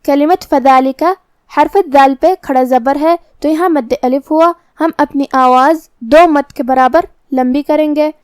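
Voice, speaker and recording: High-voiced woman teaching careful recitation. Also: fairly even intonation, darkish tone, no room sound. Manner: slow, careful, precise articulation. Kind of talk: tajweed lesson, explaining letter by letter.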